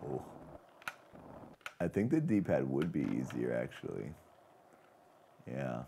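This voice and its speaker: A man's voice: extremely low pitch, sing-song, slow pace, gravelly, mellow, a little hiss or hum. A man casually chatting with his viewers while playing a game on a livestream, rambling and laughing often. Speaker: streamer.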